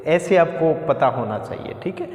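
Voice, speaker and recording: A man's voice: a little high, animated, normal speed, darkish tone. A man teaching a Hindi grammar lesson to exam students, explaining step by step and asking questions that he answers himself. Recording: echoey room with long reverb.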